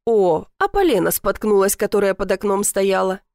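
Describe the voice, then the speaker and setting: A woman's voice: mid-range voice, lively intonation, normal speed, darkish tone, dry recording, studio quality, lightly acted. A woman voicing teasing eighteen-year-old twin brothers, mocking and smug.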